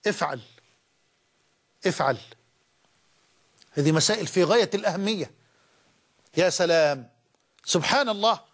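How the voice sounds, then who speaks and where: A man's voice: sits high, a bit bright. A man with an Egyptian Arabic accent preaching a sermon with passion, asking rhetorical questions and hammering points home by repeating them. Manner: impassioned, with rhetorical questions and emphatic repetition.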